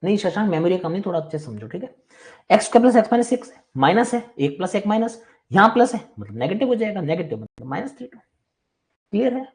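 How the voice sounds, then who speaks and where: A man's voice: sits high, sing-song, fast talker, a little mellow. A man teaching a live online maths class, chatty and reassuring but firm with students who interrupt.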